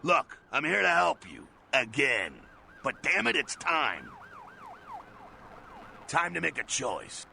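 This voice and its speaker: A man voicing a gruff, streetwise male vampire helper in a video game, talking in an urgent, blunt and sardonic way. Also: on the high side, very animated, takes it slowly, pauses often, sharp tone, a little hiss or hum, full character voice.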